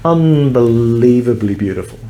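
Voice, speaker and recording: A man vlogging from a cable car on a mountain, rambling reflectively and gently mocking himself. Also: medium pitch, animated, unhurried, reverberant, slight background noise. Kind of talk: musing vlog monologue.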